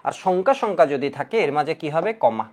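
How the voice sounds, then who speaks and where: A male chemistry teacher from Bangladesh gives an animated exam cram lecture in a slightly high voice at a fast pace. He is lively and coaxing, asking students questions and answering them himself, and he drills key rules in repeated chants.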